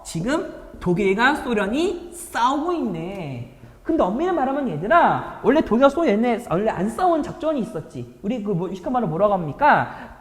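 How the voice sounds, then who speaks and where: A woman's voice: fairly high pitch, reverberant, long reverb tail. A woman teacher walking students through exam problems in a chatty lecture, often checking in with rhetorical questions. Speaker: high school history teacher.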